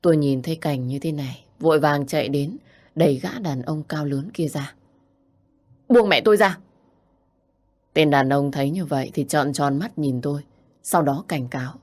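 Woman, story narrator, low voice, steady, subdued. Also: moderate pace. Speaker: story reader. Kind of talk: first-person story narration.

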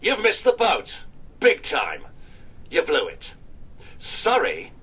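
A woman voicing a curt female agent leaving a scornful voicemail, lower and slower than her own voice. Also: huge pitch swings, a bit bright, breathy edge, exaggerated voice. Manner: blunt, scornful.

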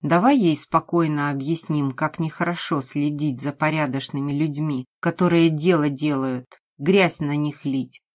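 A woman voicing a scheming woman who makes calm, falsely polite threats in an audiobook. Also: low-pitched, unhurried, hardly any pauses. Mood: coldly calm.

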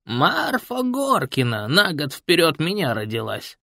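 A man voicing a grumpy, shrewd old village man with a creaky, gruff voice in an audiobook. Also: a little high, huge pitch swings, measured pace, pushed and bright, dry recording, clean studio sound, voice pushed up, full character voice. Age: older. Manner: folksy, blunt storytelling. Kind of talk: audiobook character voice.

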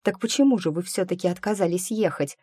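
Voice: medium pitch, quick pace, mellow, dry recording, studio quality, pitched above the performer's own voice, natural voice. A reader voicing a young, curious and anxious female apprentice in an audiobook, who asks eager, pressing questions. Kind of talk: audiobook character reading.

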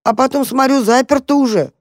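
Narrator putting on a whimpering hungry girl cat, high squeaky voice, tearful begging, children's storybook, dry close sound. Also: brisk, dry recording. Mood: whining, pleading. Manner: pleading, tearful. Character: frightened hungry female cat, whining.

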